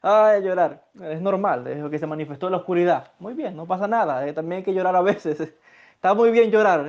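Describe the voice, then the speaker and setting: A man giving a Kabbalah lecture, talking in an animated way, acting out sighs and mock crying and repeating his phrases for emphasis. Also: high-pitched, dull audio. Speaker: Kabbalah teacher.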